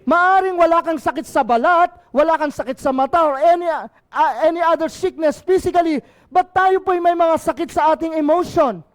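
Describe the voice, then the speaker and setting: Filipino pastor guy, really high voice, preaching hard, keeps asking for amens. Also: normal speed. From Philippines. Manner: impassioned preaching, mixing in English, asking the congregation "Amen?". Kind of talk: sermon.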